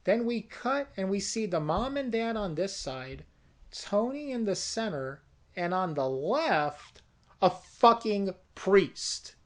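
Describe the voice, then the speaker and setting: A storyteller pitches a comic horror movie in a slow, deliberate way. The narration is dramatic, with a middle pitch, and builds tension as it goes. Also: very animated.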